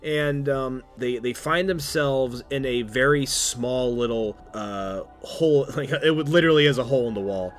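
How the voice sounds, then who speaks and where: A man's voice: medium pitch, moderate pace, hardly any pauses. Rambling man recapping a movie. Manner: rambling, full of fillers and restarts, laughs often. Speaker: podcast guest. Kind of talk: casual movie recap chat.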